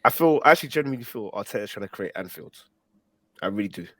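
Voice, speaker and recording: A young man talks football at a rapid clip. His voice is fairly low. The sound is close and dry. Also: animated, a bit bright, dry recording. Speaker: Arsenal fan pundit. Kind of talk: casual football chat.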